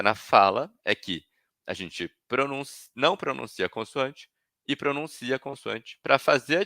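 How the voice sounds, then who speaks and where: Man, French teacher, live online class, clear bright voice, dry close sound. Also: medium pitch. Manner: patient, repeats words for students to echo. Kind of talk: live online language lesson.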